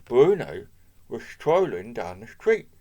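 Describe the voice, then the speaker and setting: A man's voice: medium pitch, sing-song, takes it slowly, a little mellow. A man reading a children's picture book aloud, asking the listener questions and pointing out the pictures. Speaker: storybook reader.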